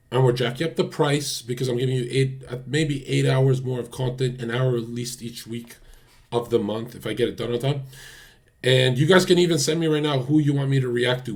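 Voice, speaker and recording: A man's voice: medium pitch, normal speed. A man hosting a casual livestream, talking bluntly to his chat and swearing often. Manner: blunt, swears a lot, talks straight to chat. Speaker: livestream host.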